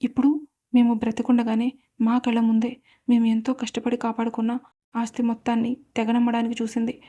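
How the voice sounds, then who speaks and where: A woman's voice: fairly high pitch, monotone, fairly quick, warm tone, close to an everyday voice. A woman voicing an aggrieved, tearful old grandmother in a storybook drama, lamenting her family's troubles. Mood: bitter.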